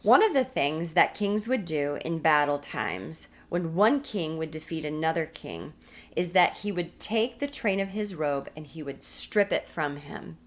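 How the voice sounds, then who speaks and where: A slightly low-voiced American woman leads a recorded women's Bible study, her delivery sing-song and a little slow. Speaking with earnest conviction, she hammers home each point by repeating its key phrases.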